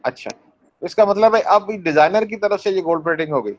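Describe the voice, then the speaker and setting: Lecturing man with a higher voice. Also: lively intonation, fairly quick, rough recording. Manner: explains by acting out little scenes, asks the class questions; mixes English phrases into Hindi speech. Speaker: university lecturer. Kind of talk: classroom lecture.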